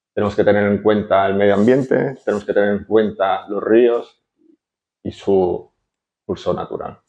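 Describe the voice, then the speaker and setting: Lowish and darkish with vocal fry, the voice belongs to a Barcelona architect lecturing at a conference. He hesitates a lot, filling gaps with fillers and tag questions, and the recording is dull and lo-fi.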